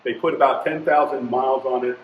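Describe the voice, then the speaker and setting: A man's voice: mid-range voice, brisk, background noise. Older man telling car stories. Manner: animated anecdote teller, acts out quoted voices. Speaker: car collector guest. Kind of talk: casual storytelling interview. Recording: roomy, dull sound with faint ambience.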